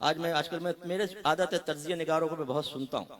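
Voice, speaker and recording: Male mufti giving a sermon, high voice, gets loud and punchy then drops to soft asides, acts out little dialogues. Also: fairly even intonation, fast talker. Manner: impassioned, swinging from soft asides to loud emphatic runs; storytelling with quoted dialogue. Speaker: mufti preaching to a gathering.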